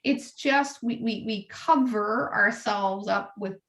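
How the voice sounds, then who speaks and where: A woman's voice: mid-range voice, takes it slowly, fairly bright tone. Earnest woman guest, roomy echo. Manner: earnest, repeats words and restarts often. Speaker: guest speaker. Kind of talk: casual conversational interview.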